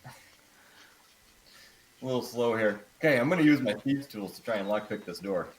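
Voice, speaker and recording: A man's voice: lowish voice, lively intonation, moderate pace, rough recording. A man playing a tabletop game, talking casually and asking the game master many questions. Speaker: player.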